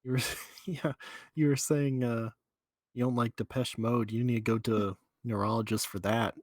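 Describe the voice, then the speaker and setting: A man's voice: mid-range voice, steady tone, moderate pace, no echo. A man co-hosting a podcast, chatting casually over gameplay, giving dry teasing remarks and game tips. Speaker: podcast co-host.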